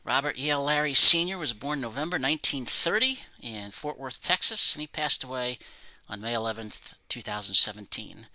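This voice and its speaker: A man's voice: mid-range voice, normal speed, pushed and bright, no echo, poor audio. A man presenting items from his autograph collection, reading facts about each in a plain, matter-of-fact way. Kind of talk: casual show-and-tell narration.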